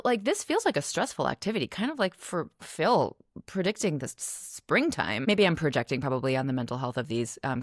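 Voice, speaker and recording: Young woman podcaster just chatting, laughs a lot, swears a bit, lowish voice, dry close mic. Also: dry recording. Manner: chatty and candid, laughing often, swearing casually. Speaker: podcast host. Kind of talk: casual solo podcast chat.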